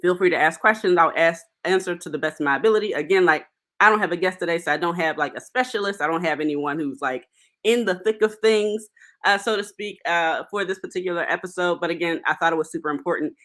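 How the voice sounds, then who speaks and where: A woman talks through her solo podcast in a loose, conversational way, full of fillers and little laughs. Her voice is bright and forward. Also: on the low side, fast. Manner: chatty, many fillers and laughs. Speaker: podcast host. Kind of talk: casual solo podcast talk.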